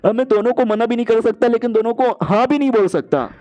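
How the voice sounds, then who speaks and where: A man's voice: very high voice, fast, dark tone, lo-fi sound, voice pushed up. Man doing a whiny little boy.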